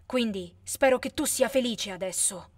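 A woman voicing a teenage boy who talks low and quietly. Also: moderate pace, no echo, natural voice. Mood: bitter. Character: teenage boy, calm and let down.

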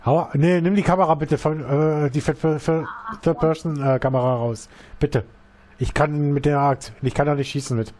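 A man's voice: fairly high pitch, fairly even intonation, normal speed, a little mellow. A man talking casually with friends while playing a video game. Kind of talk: casual gaming chat.

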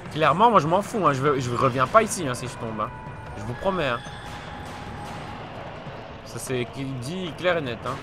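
A young man, still a little ill, commenting on his gameplay with frequent swearing and frustrated shouts. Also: a little high. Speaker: let's play gamer. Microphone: desk mic. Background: game music.

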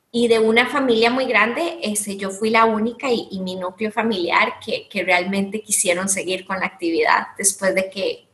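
A woman's voice: medium pitch, fairly bright tone. A woman, an entrepreneur answering interview questions on a video call in an earnest way, often restarting her sentences. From Costa Rica. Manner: earnest, many restarts and fillers. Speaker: guest entrepreneur. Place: room at home. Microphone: video call webcam. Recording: echoey room on a video call.

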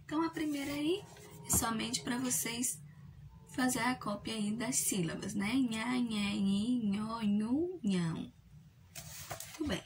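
A Brazilian woman teaches young children on video, sounding out syllables slowly and clearly. Her voice sits a little high, and she is recorded from some distance from the mic, with a faint hiss behind her. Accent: Brazilian Portuguese. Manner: slow, clearly spelled-out syllables for young learners.

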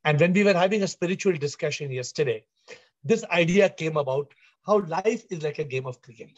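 A man leads a spiritual discussion in a notably high voice. He drives points home by repeating them and questioning his listeners. The video-call sound is dry and slightly dull. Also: lively intonation, brisk, no room sound. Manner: emphatic, repeats phrases for effect. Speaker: spiritual teacher leading an online discussion.

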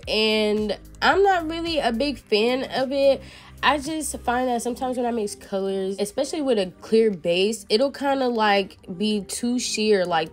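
A young Texan nail technician with a congested, stuffy nose chats casually with viewers during a nail tutorial, calling them "y'all." Her voice is medium-pitched with a darkish tone.

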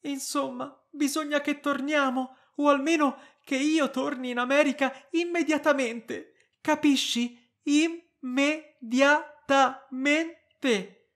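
A man voicing a distraught, indignant middle-aged wife in an audiobook reading, with a shrill, insistent manner. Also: fairly even intonation, takes it slowly, a bit bright, heavily acted. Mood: frantic.

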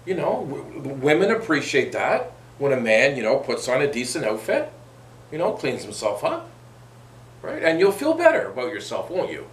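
Brief: man as a fussy, motherly lady show host, lively swooping delivery, echoey room. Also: mid-range voice, normal speed, a little hiss or hum. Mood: lecturing. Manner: fussy, motherly, sighing "oh dear". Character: prim, religious woman advice-show host. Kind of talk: comedy sketch.

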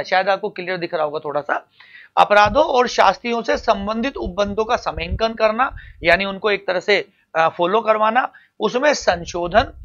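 A coaching teacher explains law to students preparing for exams, speaking to them directly and calling them "beta" and "champion". His voice is high-pitched and fairly bright, though the audio sounds dull.

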